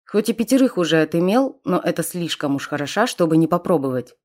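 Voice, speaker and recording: A coarse, leering male raider with a low, husky growl, as a woman reading an audiobook puts him on. His rough voice sits deep and heavy, every line greedy and crude. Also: animated, quick pace, darkish tone.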